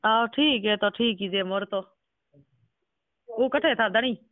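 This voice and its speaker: A man with a high-sitting voice and a Rajasthani accent speaks slowly in a casual telephone conversation. The dry recording has the thin, narrow quality of a phone call, and he keeps asking questions and echoing words back.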